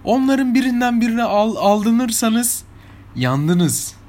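High-voiced chatty Turkish vlogger man. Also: sing-song, slow, darkish tone. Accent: İzmir Turkish. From İzmir, Turkey. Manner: chatty, anecdotal, addresses viewers as friends. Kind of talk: casual storytelling monologue.

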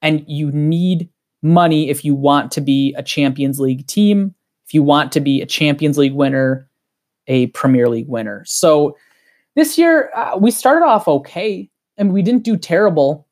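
Wisconsin guy on a podcast, gets all heated and rambles on. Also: a little high. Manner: excited, heated, rapid rambling. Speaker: podcast guest. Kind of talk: casual podcast chat.

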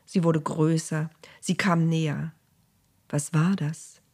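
A woman narrating a Bible story in a measured, vivid storytelling manner. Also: low-pitched, steady tone, a little mellow, husky.

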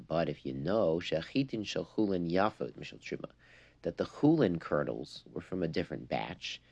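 In a relaxed, low voice, a man teaching religion leads a casual lesson, explanatory and emphatic, sprinkling Hebrew and Yiddish terms into his English. The high frequencies of the audio are cut off.

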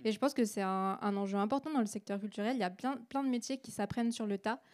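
A woman with a soft, mellow voice and a smooth, clean tone. She puts questions in an informal, conversational way, as an interviewer at medium pitch. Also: fast talker.

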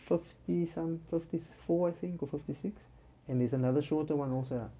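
A man's voice: on the high side, fairly quick, warm tone, slightly rough, poor audio. A man with a South African accent chatting casually as an interview guest, often rounding off statements with a "yeah". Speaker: podcast guest, amateur runner.

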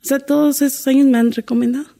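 A woman's voice: high voice, fairly even intonation, fast, gravelly, mellow. A middle-aged woman, a domestic worker telling her life story in an interview, earnest and full of restarts. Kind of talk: candid interview conversation.

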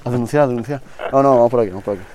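A man's voice: mid-range voice, racing, darkish tone, a little hiss or hum. A man co-hosting a podcast outdoors on a street, bossy and exasperated, swearing a lot in casual chat. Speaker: podcast co-host.

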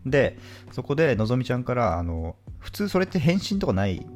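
A man co-hosting a casual comedy podcast, telling a workplace story with deadpan delivery and crude self-mocking jokes. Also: mid-range voice, brisk, faint music behind. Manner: deadpan, answers with flat "hai", crude self-deprecating jokes. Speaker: podcast co-host.

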